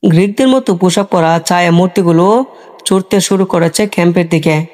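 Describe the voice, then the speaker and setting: A man giving scripted history narration as a storyteller, in a steady storytelling delivery. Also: sits high, fairly quick.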